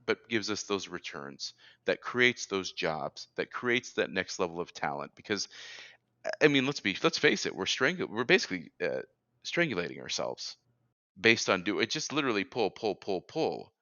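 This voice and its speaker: A man's voice: low-pitched, normal speed, no room sound, lo-fi sound. A man hosting an interview, talking energetically and emphatically as he builds his point. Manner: energetic and emphatic, rising with excitement. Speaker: interview host. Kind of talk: conversational interview.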